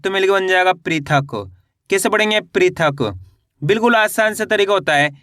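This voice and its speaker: A man teaching beginners to read Hindi words, sounding out each syllable slowly and asking how to read them. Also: high voice, bright, forceful tone, dry recording, clean studio sound. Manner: slow, syllable-by-syllable drilling with repeated questions.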